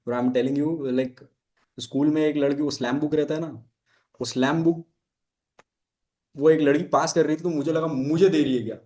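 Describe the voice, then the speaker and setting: Story-telling male dating coach, slightly high voice. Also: fairly even intonation, moderate pace, pauses often, a little mellow. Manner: storytelling, mixes Hindi with English, laughs often. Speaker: dating coach, podcast host. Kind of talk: casual podcast chat.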